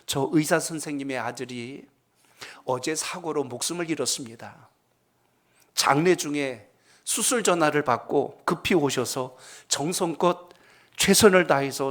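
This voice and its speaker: A man acting out a female nurse who explains quietly and seriously. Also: fairly high pitch.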